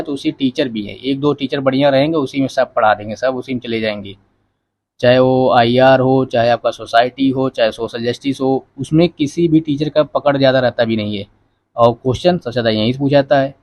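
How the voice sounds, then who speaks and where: A man's voice: medium pitch, darkish tone, muffled recording. A male exam coaching teacher giving a casual spoken lecture, advising students directly in a conversational way.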